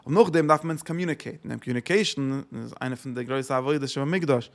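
A man's voice: medium pitch, fast talker. A man giving a religious lesson who asks rhetorical questions and repeats his phrases. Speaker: Torah teacher.

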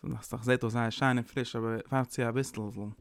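A man's voice: mid-range voice, flat delivery, moderate pace, no room sound. A man giving an informal, rambling sermon, mixing in English words. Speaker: preacher. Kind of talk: informal Yiddish-tinged sermon.

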